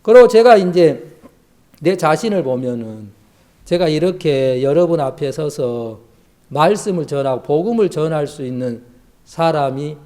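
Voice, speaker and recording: A man's voice: a little high, expressive, a little slow, mellow. A man, a missionary preacher, telling a personal testimony in a sermon with emotional storytelling. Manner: emotional storytelling, acts out quoted dialogue.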